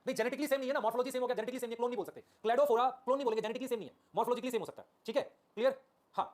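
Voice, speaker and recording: A man teaching a biology class live online, repeating key terms and asking "okay? clear?" while calling his students children. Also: very high-pitched, rapid-fire, darkish tone. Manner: addresses students affectionately as children.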